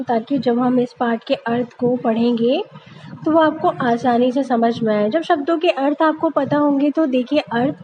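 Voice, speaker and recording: A woman teacher giving a recorded lesson, patiently sounding out words syllable by syllable. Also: sits high. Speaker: school teacher. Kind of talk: recorded online class. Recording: dull lo-fi audio with faint noise.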